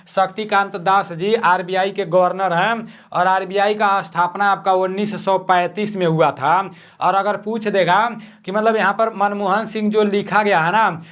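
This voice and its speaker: A young man teaching exam questions at home at night, talking softly and repeating each question. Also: high-pitched. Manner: soft-spoken, repeats each question, frequent "theek hai na". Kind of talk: quiz-style exam lesson.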